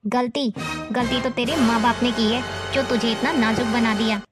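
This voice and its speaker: Scornful nagging mother-in-law, a woman acting, scolding tone, fairly high voice. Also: steady tone, normal speed, loud music behind the voice, lightly acted. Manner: scolding, taunting. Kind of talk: family drama acting.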